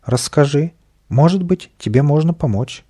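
A man's voice: a little high, animated, moderate pace, warm tone, voice pushed up. A man voicing a proud, noble male cat swordsman in a storybook reading, with a stern, gallant manner. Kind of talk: storybook character voice.

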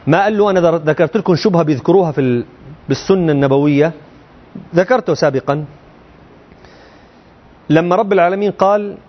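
A man's voice: on the high side, fast talker, long pauses, highs cut off. A man teaching a religious text to students, often firing rhetorical questions at them in a colloquial way. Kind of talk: explaining a creed text to students.

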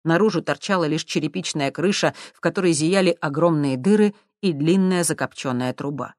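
Audiobook narrator, steady even reading, mid pitch, dry close recording. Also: brisk, no echo.

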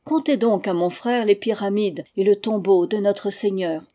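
Eager little princess girl, curious and lively, mellow tone , a woman reading her lines. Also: medium pitch, moderate pace, lightly acted.

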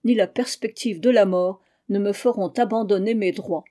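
A woman voicing a proud, defiant middle-aged queen, with loud and vehement declarations. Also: medium pitch, steady tone, normal speed, close to an everyday voice.

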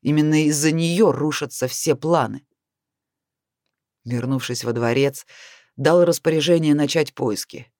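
A man narrating an audiobook in an even, steady reading voice. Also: fairly high pitch, unhurried, long pauses, no echo, clean studio sound. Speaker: audiobook reader.

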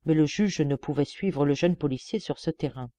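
A woman narrating a literary audiobook, measured and expressive. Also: low voice, dry recording. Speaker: audiobook reader.

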